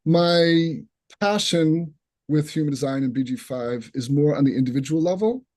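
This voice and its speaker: A man's slightly high, a little mellow voice moves at a moderate pace as he tells his story earnestly. He has a Boston accent from the northeastern US and is introducing himself as an instructor at an online open house held over video call.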